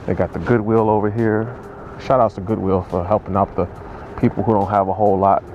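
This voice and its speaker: A man's voice: lowish voice, steady tone, a little fast, a little mellow, dull audio. A man, a truck driver, talking casually and with slang to the camera outdoors at night. A clip mic under his clothing makes his voice jittery and warbly from noise reduction. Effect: jittery, warbling noise-reduction processing on the voice. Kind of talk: casual vlog talk to camera. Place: outdoors at night in an urban area, riding along. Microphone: wireless clip mic under two layers of clothing. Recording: noisy outdoor street sound.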